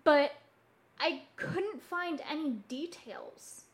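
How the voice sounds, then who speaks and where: A woman's voice: sits high, slow. A woman co-hosting a casual chat about hauntings, telling stories informally and thinking aloud with some hesitation. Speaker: podcast co-host.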